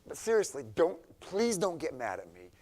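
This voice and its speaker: Man preaching, hushed to emphatic. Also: on the high side, huge pitch swings, normal speed. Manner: conversational, swings from hushed to emphatic. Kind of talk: sermon to teenagers. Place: church.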